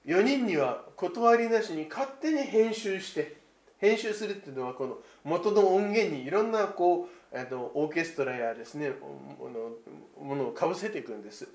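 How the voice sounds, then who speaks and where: A man preaching a Christmas sermon, slow and reflective with dramatic pauses. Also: on the high side, lively intonation, reverberant. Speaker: pastor.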